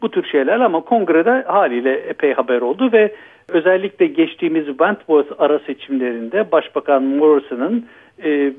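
A man calling in by phone as a guest commentator, giving measured, explanatory analysis over a phone line. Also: fairly high pitch.

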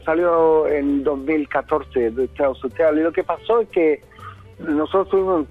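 A man's voice: a little high, slightly rough, phone-quality sound. A man from Chile with a Caribbean, Cuban-sounding Spanish accent, telling anecdotes casually as a musician guest in a radio interview.

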